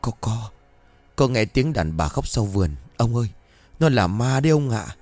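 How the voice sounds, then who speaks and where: A man's voice: mid-range voice, sing-song, normal speed, darkish tone, no room sound, faint music behind. A man voicing a frightened village wife who stammers in broken, fearful speech. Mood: terrified. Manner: stammering, breathless with fear. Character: frightened middle-aged peasant wife, trembling.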